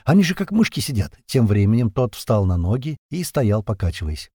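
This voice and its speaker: A man narrating an audiobook in a steady, tense, vivid storytelling manner. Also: on the low side, normal speed, husky, no room sound, clean studio sound.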